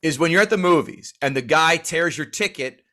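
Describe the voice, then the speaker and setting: A middle-aged man co-hosting a casual comedy podcast, swearing freely and telling stories with shouted-out quotes. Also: fairly high pitch, fairly quick. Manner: profane, animated storyteller who shouts out quotes. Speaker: podcast co-host.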